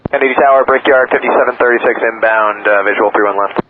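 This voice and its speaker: Guy pilot reading back clearances real fast, staticky muffled cockpit radio. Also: on the low side, steady tone. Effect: aviation radio. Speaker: airline pilot. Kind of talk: brief radio readbacks to air traffic control. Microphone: pilot's radio headset. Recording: narrow, noisy cockpit radio transmission.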